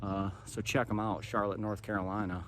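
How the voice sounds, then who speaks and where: Low-voiced American man, casual vlogger. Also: flat delivery, fairly quick. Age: 30s. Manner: informal, conversational. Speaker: vlog host. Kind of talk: casual vlog recap to camera. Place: outdoors, park path and parking lot. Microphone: phone at arm's length. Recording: faint outdoor background noise.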